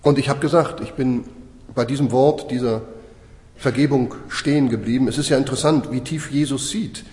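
Emphatic preacher in an echoing hall. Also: male voice, medium pitch, a little mellow. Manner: emphatic, slowing for stress, asks the listeners rhetorical questions. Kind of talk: sermon. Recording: echoey hall with long reverb.

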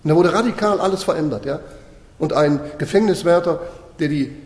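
A man preaching a sermon with emphasis, slowing down to stress points and putting rhetorical questions to his listeners. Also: fairly high pitch, a little mellow. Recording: echoey hall with long reverb.

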